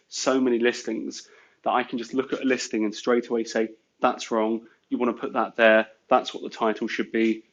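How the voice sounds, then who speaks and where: A guest entrepreneur from England tells business stories in a rambling, casual chat peppered with "you know" and "sort of." His voice is medium in pitch, and the audio sounds dull.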